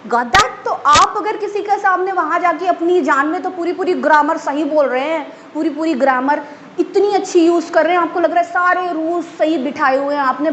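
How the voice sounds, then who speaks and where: A woman teacher giving a spoken English lesson, slowly drawing out English words to demonstrate them. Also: extremely high pitch, fairly bright tone. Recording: echoey room with faint background noise.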